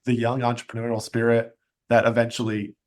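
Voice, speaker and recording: A man's voice: mid-range voice, monotone, fairly quick, a little mellow. A man hosting a podcast interview, talking casually and upbeat with many "like" and "um" fillers. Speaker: podcast host.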